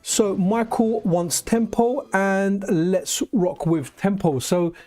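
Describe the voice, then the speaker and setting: Chatty high-voiced man streaming. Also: slow, soft background music. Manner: chatty, excitable, frequent restarts and asides to chat. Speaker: retro gaming streamer. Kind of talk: live stream chat.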